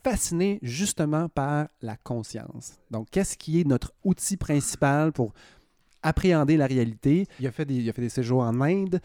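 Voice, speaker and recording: A man with a Quebec French accent chats casually as a podcast columnist, playful and ironic, and he drifts into asides. His voice sits a little high with a warm, mellow tone, recorded dry and close. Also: expressive, normal speed, dry recording. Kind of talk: casual chronicle chat.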